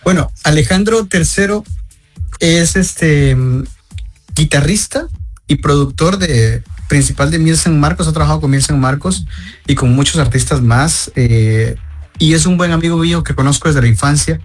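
A man in his forties from Guatemala, a guest musician telling his story in a friendly, relaxed way over a remote connection. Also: fairly high pitch, moderate pace, faint music behind. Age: 40s. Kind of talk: phone-in interview.

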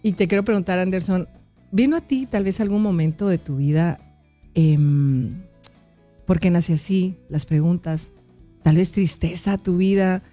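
A woman's voice: on the low side, moderate pace, faint music behind. Chatty woman hosting a live interview. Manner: warm, chatty, repeats herself while fixing tech trouble. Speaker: host.

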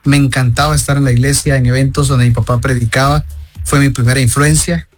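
A man in his forties from Guatemala, a guest musician telling his story in a friendly, relaxed way over a remote connection. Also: mid-range voice, fairly quick, faint music behind. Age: 40s. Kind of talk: phone-in interview.

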